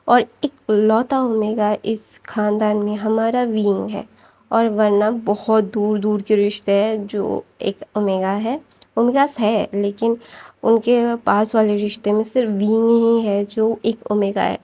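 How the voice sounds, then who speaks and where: Woman telling a story, rambling and mellow. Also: mid-range voice, level tone. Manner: rambling, with fillers and self-corrections. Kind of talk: casual storytelling narration.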